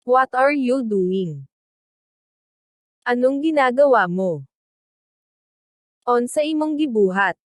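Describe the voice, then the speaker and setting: Woman, language teacher, very slow careful reading, dry close sound. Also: a little high, lively intonation, dry recording. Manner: reads each phrase slowly and deliberately. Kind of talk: slow read-aloud translation drill.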